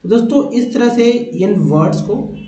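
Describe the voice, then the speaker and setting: A man with an Indian accent teaching an English spelling lesson, repeating words slowly syllable by syllable. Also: high-pitched, expressive, dark tone, roomy sound, muffled recording.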